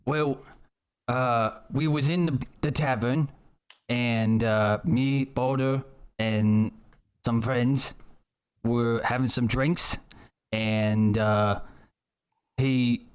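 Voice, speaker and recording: A man voicing Cosmo, a charismatic young man who rambles in rough, broken grammar. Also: mid-range voice, steady tone, extremely slow, long pauses. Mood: explaining. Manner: rambling, hesitant, ungrammatical.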